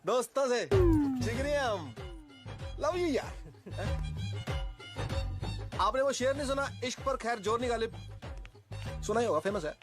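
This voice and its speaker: A man's voice: very high-pitched, expressive, measured pace, pauses often, music in the background. An actor playing a cocky young male driver who has run off with his boss's daughter, talking in a joking, boastful way. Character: brash young male driver, cheeky eloper. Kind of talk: Hindi film acting. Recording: film audio with background score.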